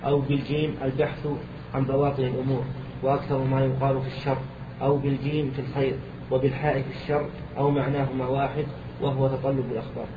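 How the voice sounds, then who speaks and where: A man, a student, reads a commentary text aloud to his teacher and gives short confirmations. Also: mid-range voice. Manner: flat rapid reading, short confirmations. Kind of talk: quick reading of a commentary text. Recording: echoey hall, dull lo-fi tape with noise.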